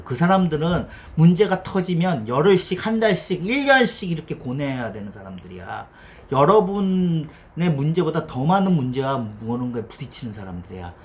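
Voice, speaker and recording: A man's voice: fairly high pitch, big pitch swings, brisk. A middle-aged man lecturing casually as a developer, blunt and teasing, swearing now and then and acting out quoted asides. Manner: voices his past self and others in quoted asides. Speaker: developer giving career advice.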